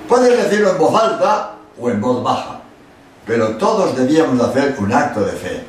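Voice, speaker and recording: Older Spanish priest in an echoey hall. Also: male voice, medium pitch, moderate pace. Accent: Spain Spanish. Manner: animated, acts out quotes, emphatic asides. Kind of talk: religious lecture. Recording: echoey hall from far off with faint noise.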